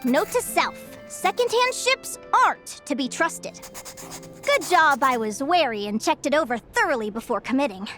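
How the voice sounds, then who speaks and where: A woman's voice: high voice, sing-song, a bit bright, soft background music. Linnea, dreamy girl. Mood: musing. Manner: wistful, slow, musing to herself. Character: Linnea, young woman dreaming of ships. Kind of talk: game character monologue.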